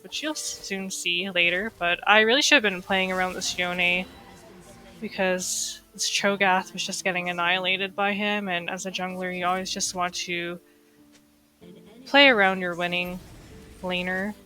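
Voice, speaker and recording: A gaming streamer who is getting over an illness talks casually over her gameplay, filling her chatter with lots of fillers. Her mid-range voice sounds pushed and bright but slightly nasal and stuffy from being sick, and the recording quality is low.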